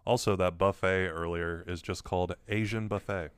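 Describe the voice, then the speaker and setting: Podcast co-host, male, very deep, smooth, trails off, dry close sound. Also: fairly even intonation, moderate pace, dry recording. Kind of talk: casual chat.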